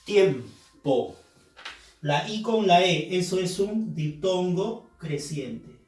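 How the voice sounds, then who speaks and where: Man, teacher, patient review lesson, repeats key terms, slightly high voice, echoey room, distant mic. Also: expressive, slow, soft background music. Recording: roomy echo, mic at a distance.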